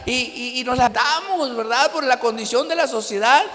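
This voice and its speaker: Mexican pastor preaching, really high voice, long echo tail off the church walls. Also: male voice, normal speed, pushed and bright. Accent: Mexican Spanish. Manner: addresses listeners as hermano, many restarts and tag questions. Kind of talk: sermon. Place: church hall. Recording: long church-hall reverb.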